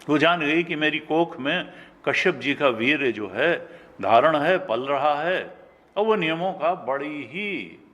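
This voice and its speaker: Older indian swami w/ north indian hindi accent, tells scripture stories slow, voices the characters, long hall echo. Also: male voice, fairly bright tone. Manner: storytelling, acting out dialogue with rising pitch. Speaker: spiritual teacher.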